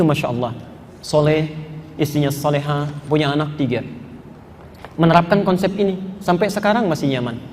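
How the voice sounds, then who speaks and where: A man preaching a sermon in a high, light voice, telling a story and turning to his listeners with questions. The sound has a long hall reverb and a faint hiss behind it. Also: darkish tone. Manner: storytelling with acted quotes and questions to the audience. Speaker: Islamic preacher.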